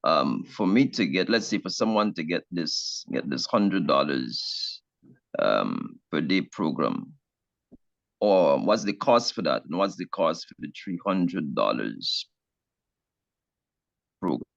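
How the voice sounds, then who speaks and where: A man with a very low, gravelly voice asks polite, carefully repeated questions over a call line. His intonation moves a lot. The audio keeps cutting out and sounds dull and lo-fi. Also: sing-song, slow pace, fairly bright tone, dry recording. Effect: call audio cutting out and breaking up. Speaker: webinar attendee asking a question. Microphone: remote video call connection.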